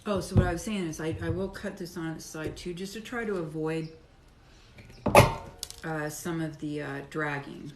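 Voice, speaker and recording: A low-pitched middle-aged woman chats at a moderate pace on her live stream, cutting soap in a home workshop. She rambles casually, talking while chewing and working away. The recording carries room echo and clear background noise.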